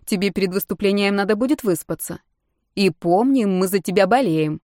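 A woman reading a caring sister who talks in a gently bossy way. Her voice is plain and mid-pitched, recorded dry and close. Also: fairly quick, no room sound, natural voice. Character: caring older sister on the phone.

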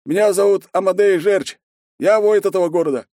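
Cagey village headman, middle-aged warrior, folksy and wheedling, pitched up high, as a male reader puts him on. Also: a little fast, dark tone, no echo, clean studio sound, close to an everyday voice. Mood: wary.

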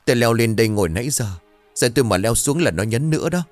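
A man voicing a terrified young fisherman who whimpers and talks in a high, frantic rush. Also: a little fast, no echo, soft background music, lightly acted. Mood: frightened whimpering.

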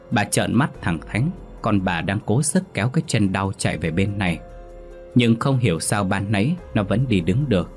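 Low-voiced man narrating a ghost story. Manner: steady, dramatic storytelling. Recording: faint music underneath.

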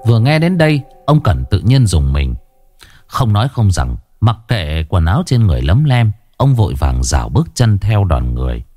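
Male horror storyteller, low mellow voice, lively pitch. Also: normal speed, faint music behind. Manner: dramatic, suspenseful. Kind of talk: scripted horror narration.

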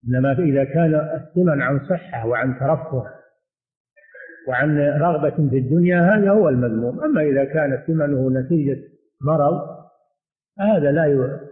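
Man, sheikh, lesson with answers, repeats himself, roomy echo, phone-like sound. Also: mid-range voice. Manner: measured, repeats phrases while explaining. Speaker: sheikh teaching hadith commentary. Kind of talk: religious lesson with questions and answers. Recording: echoey room over a tinny phone-like line.

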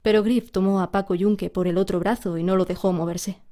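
A woman narrating a storybook aloud in a steady, even storytelling manner. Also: medium pitch, brisk.

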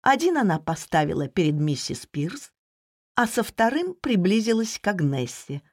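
A woman narrating an audiobook in a measured, expressive reading. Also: medium pitch, no echo, clean studio sound. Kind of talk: scripted narration.

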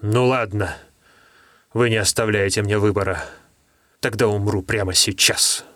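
A man's voice: lowish voice, fairly even intonation, measured pace, fairly bright tone, no echo. A man voicing an old, dying book hunter who groans and grumbles stubbornly, read in an audiobook. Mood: grumbling.

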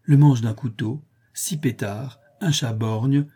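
A man narrating a classic novel as an audiobook with a steady storytelling delivery. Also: medium pitch, slow, husky.

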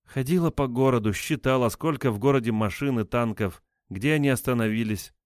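A man's voice: mid-range voice, brisk, no room sound, clean studio sound, voice pushed up, natural voice. A man putting on a frightened young woman. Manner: hesitant, flustered, pleading.

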